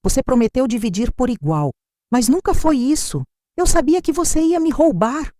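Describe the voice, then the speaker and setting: A woman voicing a furious grown daughter who hurls trembling, shrill accusations at her mother in a spoken story. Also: lively intonation, moderate pace, mellow, no echo, studio quality.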